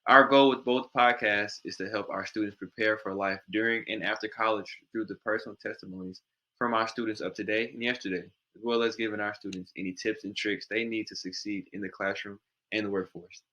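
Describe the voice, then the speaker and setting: A man's voice: fairly low pitch, fairly even intonation, brisk, bright, forceful tone, highs cut off. A man hosting a college podcast, chatty and enthusiastic as he introduces a guest and shares his own experience. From St. Louis, USA. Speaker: podcast host. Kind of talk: podcast interview.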